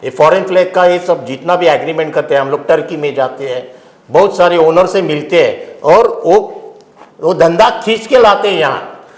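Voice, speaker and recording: An older man, a union general secretary, giving blunt, halting answers in an interview and often restarting his phrases. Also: on the high side. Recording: roomy studio echo.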